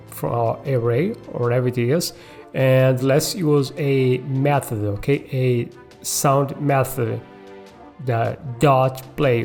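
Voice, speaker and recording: An unhurried coding tutorial host walks through a casual, step-by-step screen-recorded lesson over background music. His voice is mid-range with a darkish tone, and he checks in often with tag questions like "okay" and "all right."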